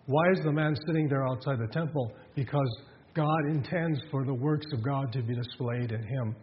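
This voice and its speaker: A man's voice: medium pitch, moderate pace, in a large hall, lo-fi sound, slight background noise. A man preaching a sermon in a conversational way, with rhetorical questions and frequent restarts. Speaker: pastor.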